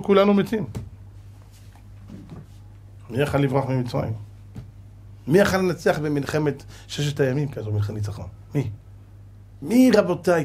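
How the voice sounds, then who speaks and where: A rabbi preaching a fervent sermon. His voice sits somewhat high for a man, and he drives his points home with rhetorical questions and sudden loud outbursts. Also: slight background noise.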